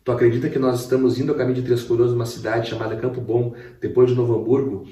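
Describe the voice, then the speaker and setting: A man tells his personal testimony with strong emotion and acts out every quote. His voice sits at an ordinary pitch. It sounds roomy, as if the mic is some way off. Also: flat delivery, quick pace, dark tone, far from the mic, highs cut off. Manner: vivid storyteller who acts out quotes. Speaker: guest giving testimony.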